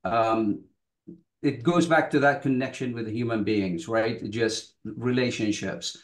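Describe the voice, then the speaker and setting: An older man from Lebanon speaks earnestly on a video call, stopping and restarting his sentences often. His voice sits in a middle pitch and carries a roomy echo from the space around him. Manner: earnest, halting, many restarts. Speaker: guest author. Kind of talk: casual panel talk on a video call.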